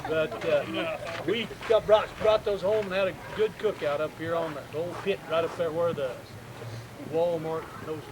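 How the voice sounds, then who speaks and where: Man, rural yarn-spinner, slightly raised pitch, loud noise behind. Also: steady tone, normal speed. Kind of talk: campfire storytelling. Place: outdoors at a gathering. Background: outdoor noise.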